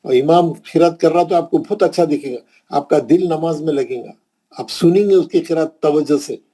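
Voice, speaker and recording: A man's voice: on the high side, moderate pace, dark tone. A man from India with a Hyderabadi Urdu accent, teaching a Quran recitation class patiently, repeating points and checking in with his students. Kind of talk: classroom lesson.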